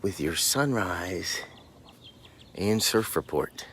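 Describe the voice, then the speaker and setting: A man's voice: low-pitched, animated, slow pace, fairly bright tone, a little hiss or hum. A man hosting a casual morning beach report outdoors, chatting politely and encouragingly. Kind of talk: casual vlog narration and chat.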